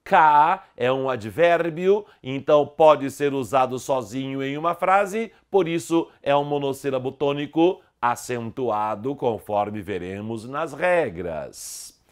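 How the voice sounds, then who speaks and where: A man giving an online grammar lesson, explaining word stress in a didactic way and slowly stressing syllables. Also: medium pitch, animated. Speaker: grammar teacher.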